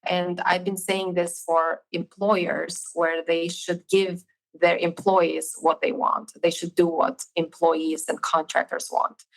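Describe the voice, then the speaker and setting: A woman with a fairly low voice and a gravelly edge is a guest on an interview podcast. She states her opinions directly and with emphasis. She is speaking over a video call. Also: flat delivery, slow, low-quality recording. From Albania. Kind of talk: casual interview chat.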